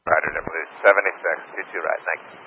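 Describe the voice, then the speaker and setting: A man flying as an airline pilot, reading back calls in a brisk, easygoing way over a radio crackling with static bursts. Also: low-pitched, steady tone, narrow, tinny audio. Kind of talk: radio readbacks.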